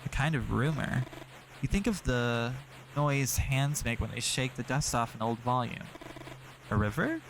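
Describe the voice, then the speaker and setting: A man's voice: medium pitch, a little slow, noisy background. Profane sarcastic male streamer. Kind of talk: reading game text aloud with reactions.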